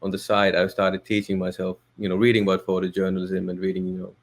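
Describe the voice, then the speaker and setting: A deep, monotone man with a gravelly texture, a native Finnish speaker talking English in a podcast interview. He hesitates often, restarting phrases and filling pauses as he weighs each thought. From Finland. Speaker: guest, photo editor.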